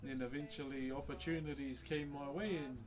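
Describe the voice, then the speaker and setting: A man's voice: medium pitch, fairly even intonation, normal speed. Man with a broad Kiwi accent. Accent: broad New Zealand. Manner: laid-back, slangy, addressing viewers as bro and mate-like pals. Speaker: livestream host, woodcarver. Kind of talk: casual livestream chat.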